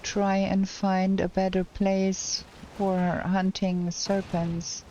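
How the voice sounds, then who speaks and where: A woman streamer giving casual gameplay commentary, thinking aloud in a slow, hesitant way, her voice cracking because she is unwell. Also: mid-range voice, flat delivery, warm tone, dull audio, slight background noise. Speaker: game streamer.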